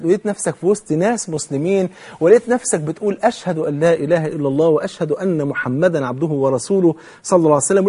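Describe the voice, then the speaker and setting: A man's voice: a little high, darkish tone, breathy edge. A man with an Egyptian accent preaching an impassioned televised sermon, asking and answering his own questions.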